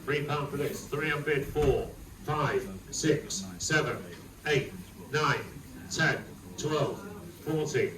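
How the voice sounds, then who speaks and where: Distant, echoey British male auctioneer chanting bids. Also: a little high. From United Kingdom. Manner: repetitive clipped number calls with bantering asides. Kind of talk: auctioneer's bid-calling chant. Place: busy auction room. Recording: distant echoey room with loud crowd. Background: loud crowd chatter.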